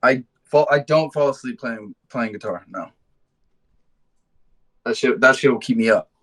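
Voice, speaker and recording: This man's voice is mid-range and a bit bright, delivered at a measured pace. He's a band musician in his twenties being interviewed, originally from London and living in the US since high school. He chats casually and tells stories laid-back, with plenty of slang and swearing.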